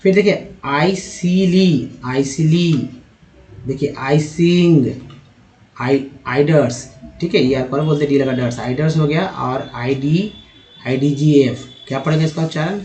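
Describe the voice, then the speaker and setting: A man's voice: on the high side, dark tone. A man teaching English reading, spelling out letters and sounding out words one by one. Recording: echoey room.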